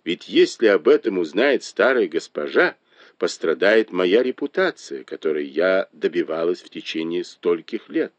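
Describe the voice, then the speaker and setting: A man reading aloud and voicing a shrewd, sharp-tongued noblewoman who scolds and mocks her husband. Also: low voice, sing-song, normal speed, no echo, muffled recording. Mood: guarded. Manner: mocking, reproachful.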